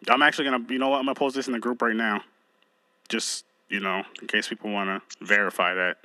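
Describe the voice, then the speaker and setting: A podcast co-host with a bright, forceful, fairly low-pitched voice talks fast in loose, joking banter, swearing freely as he drifts between lists and anecdotes. The mood is relaxed and profane, and the recording is close and dry with no room sound.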